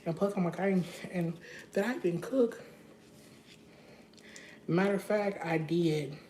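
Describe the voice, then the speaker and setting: A woman's voice: lowish voice, unhurried, warm tone. Chatty woman on a noisy kitchen livestream. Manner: chatty, loose and rambling, talks straight to viewers. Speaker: vlogger cooking on a livestream. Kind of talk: casual live cooking chat. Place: home kitchen.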